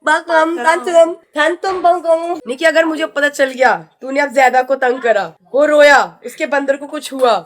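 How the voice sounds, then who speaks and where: A young woman with a somewhat high voice chats casually for her family vlog. She talks straight to her viewers, then turns to coo at and tease a toddler in a bedroom at home. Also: moderate pace, hardly any pauses. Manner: chatty, coos and teases a toddler between remarks to viewers. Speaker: vlogger.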